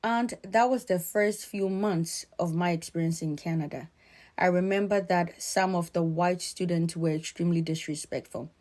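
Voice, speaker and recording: A woman from Ghana with a Ghanaian accent, giving earnest, emphatic spoken commentary in a measured way. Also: lowish voice, darkish tone.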